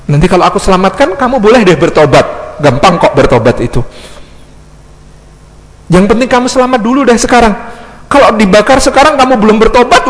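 A man voicing a sly male devil who coaxes and mock-pities his victim, with a long hall reverb. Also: high voice. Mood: mock-pitying. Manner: coaxing, wheedling, mock-pitying.

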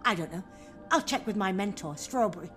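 A woman's voice: medium pitch, animated, fairly quick, fairly bright tone, soft background music, lightly acted. A woman acting a bossy, dithering leader of a role-play group in a sitcom.

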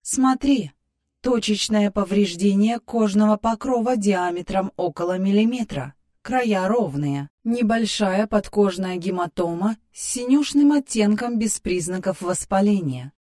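A man voicing a calm, precise female assistant who speaks in detached, clinical terms. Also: high voice, measured pace, voice pushed up. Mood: clinical, composed.

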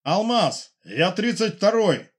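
A man voicing a seaplane pilot who shouts urgent reports over the radio in a high, strained voice. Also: sing-song, measured pace, husky, exaggerated voice.

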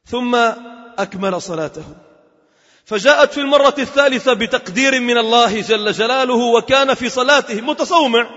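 A man's voice: very high voice, fairly bright tone. A man giving a Friday sermon in a mosque, telling a story dramatically and drawing out phrases for emphasis. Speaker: preacher. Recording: dull lo-fi recording with long mosque reverb.

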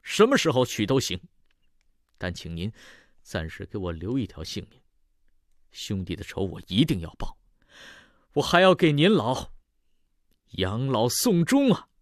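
Storyteller playing young hero, earnest pleading, low soft voice, dry room. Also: male voice, wildly swooping pitch, measured pace, long pauses, no room sound. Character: loyal young man, pleading, remorseful.

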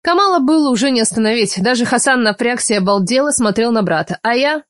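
Expressive woman reading a novel aloud. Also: a little high, fast, no room sound. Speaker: audiobook narrator. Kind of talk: first-person novel narration.

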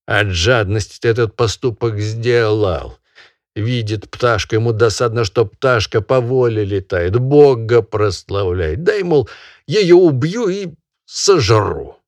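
A pompous country gentleman, voiced by a man reading aloud scolds and moralizes in a slow, drawn-out tone. His pitch swings widely as he preaches, and the sound is dry and close for a storybook reading. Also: animated, no room sound. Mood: sanctimonious lecturing. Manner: sanctimonious, drawn-out lecturing.

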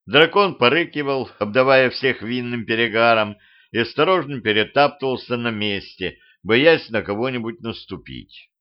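A man narrating an audiobook in an expressive, measured reading. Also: mid-range voice. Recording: dull lo-fi home recording.

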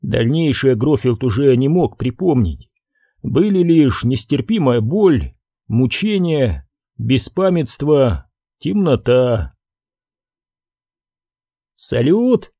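A male audiobook narrator reads a hardboiled crime novel at an unhurried pace. His voice is mellow and his intonation rises and falls with expression. It is recorded close and dry. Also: medium pitch, slightly rough, no echo. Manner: measured, expressive reading. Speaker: audiobook reader. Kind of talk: scripted narration.

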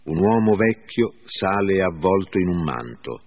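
A man's voice: low-pitched, sing-song, unhurried, heavily acted. A man voicing a frightened woman medium, in a wary plain reading. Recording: phone-like lo-fi with faint music.

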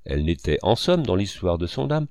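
A man reads a literary novel aloud in a measured, expressive way. His low voice rises and falls with lively inflection. He is close to the microphone in a dry, dead sound. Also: no room sound. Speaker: audiobook narrator. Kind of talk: literary audiobook narration.

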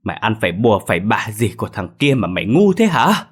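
A man's voice: sits low, moderate pace. A man voicing an anxious older mother who pleads and wails for her daughter. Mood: bitter. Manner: pleading, wailing.

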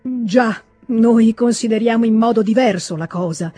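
Stiff cold official, firm and clipped, read by a mellow-voiced woman. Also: medium pitch, moderate pace, breathy edge, faint music behind, natural voice. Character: cold formal middle-aged official husband.

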